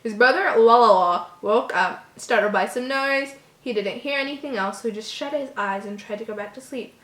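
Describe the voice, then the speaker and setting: A slightly high, somewhat bright voice at normal speed carries this informal horror read-aloud. The woman stumbles now and then and breaks off into amused, incredulous jokes. The home recording sounds roomy and echoing.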